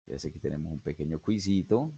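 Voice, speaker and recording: A man's voice: a bass voice, fast, mellow, husky, dull audio. A man tutoring pronunciation in a language lesson, guiding learners step by step with frequent check-ins and words spoken. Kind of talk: online lesson narration.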